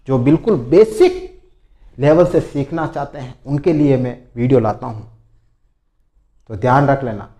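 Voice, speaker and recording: A man teaching English vocabulary, repeating each word slowly for drilling. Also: on the high side, dark tone. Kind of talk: spoken vocabulary lesson. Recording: echoey room.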